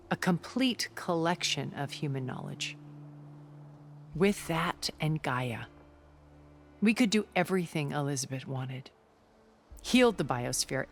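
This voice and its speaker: An actress with a deep voice plays a poised, persuasive immortal older woman in a cinematic video game, speaking with measured, elegant phrasing.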